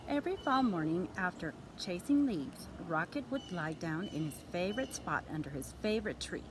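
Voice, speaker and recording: A woman reading a children's story aloud expressively, with deliberate, teacherly phrasing. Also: animated. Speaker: storytime reader. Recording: clear background noise, vehicle rumble. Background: background noise.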